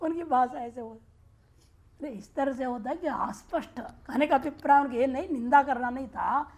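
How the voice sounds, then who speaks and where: Woman grammar teacher, high voice, patient step-by-step lecturing, rhetorical questions to the class. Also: moderate pace, a little mellow. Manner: explains step by step, asks rhetorical check questions. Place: ashram teaching room.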